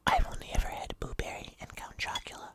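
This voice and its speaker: In this ASMR eating video, the host keeps to a gentle unvoiced whisper near the mic, casually chatting with viewers and taking their time.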